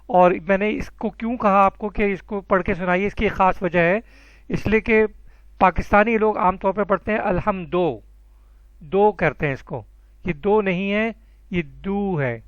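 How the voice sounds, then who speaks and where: High-pitched guy teaching arabic online, encouraging, dry dull audio. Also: dry recording. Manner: patient, encouraging, calls students by name.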